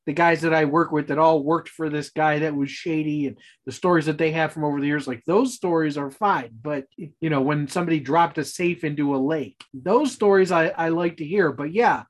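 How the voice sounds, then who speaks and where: Podcast co-host, man, slightly high pitch, easygoing rambler. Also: normal speed, hardly any pauses. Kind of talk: casual chat.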